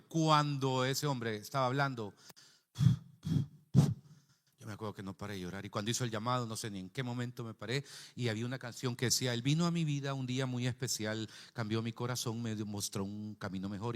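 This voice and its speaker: A middle-aged man with a Central American Spanish accent preaching a sermon, telling personal stories in an animated, conversational way with frequent asides to the congregation. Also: mid-range voice. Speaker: pastor. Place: church sanctuary. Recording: long church reverb.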